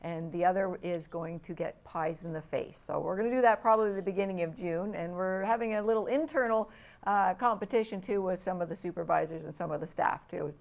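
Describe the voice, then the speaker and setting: A woman's voice: lowish voice, gravelly. A woman hosting a casual cooking segment, encouraging her guest and repeating back what he says. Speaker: host.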